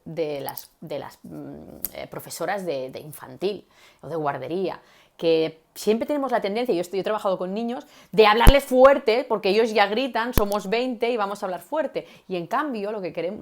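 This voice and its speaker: A woman voice coach giving a live-stream talk to viewers. She talks in a lively way and swings from loud passages to soft, hushed ones to show how volume works. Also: lowish voice. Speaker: voice and communication coach.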